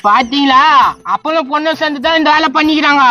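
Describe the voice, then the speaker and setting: A woman dubbing a hot-headed husband who faked madness, shouting and scolding in a comic fan dub. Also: high voice, steady tone, fast, dull audio. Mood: bickering.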